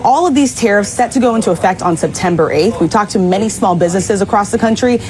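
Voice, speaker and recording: A female news correspondent files a report in a measured, explanatory tone. Her pitch sits in an ordinary middle range. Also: a little mellow, poor audio.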